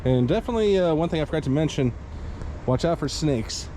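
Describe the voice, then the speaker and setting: A man's voice: fairly high pitch, animated, brisk, mellow, slight background noise. Rambling man vlogging on a trail. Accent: Midwestern American. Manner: rambling, chuckling, hedging with fillers. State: a little out of breath. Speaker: hiking vlogger. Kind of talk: casual vlog narration while hiking. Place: outdoors on a wooded hiking trail.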